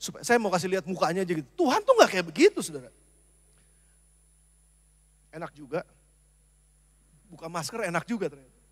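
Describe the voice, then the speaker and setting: A man preaching a sermon as pastor, animated, moving from loud emphasis to soft asides. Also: high voice, brisk, long pauses, slightly rough. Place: church. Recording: long church hall reverb.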